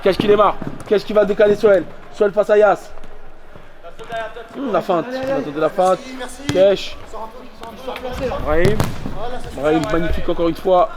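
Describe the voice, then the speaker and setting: Excited male sports commentator, high-pitched, punchy name calls and exclamations, over heavy crowd noise. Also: measured pace, pauses often. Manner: calls players' names in short bursts, exclaims. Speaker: match commentator. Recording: loud crowd and bouncing ball behind. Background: crowd noise, ball bounces.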